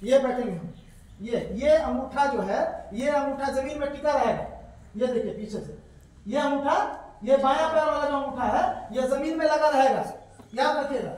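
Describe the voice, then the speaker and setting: A man teaching step by step how to pray, repeating points, asking his student questions, and chanting the prayers slowly. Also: extremely high pitch, a little mellow. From India. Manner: slow melodic chanting of prayers. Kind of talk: step-by-step prayer lesson with recitation. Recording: echoey room, voice from far off.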